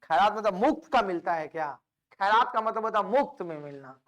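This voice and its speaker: Man, very high voice, smooth and resonant, exam-prep history teacher, repeats names, asks questions back. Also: expressive, fairly quick, a bit bright. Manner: repeats key names and quizzes listeners; mixes English words into Hindi.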